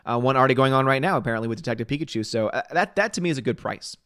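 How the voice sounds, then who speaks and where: A man in his thirties chats casually on a livestream, reading viewer comments out loud and sharing strong opinions with quick asides. His mid-range voice is animated, smooth and a bit bright, if slightly tired. Clean studio recording, no echo.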